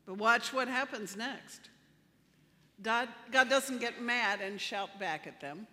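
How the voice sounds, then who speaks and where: A woman pastor delivering a sermon, with measured, emphatic phrasing. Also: fairly high pitch, pushed and bright, in a large hall. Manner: measured, emphatic preaching with slow deliberate phrasing.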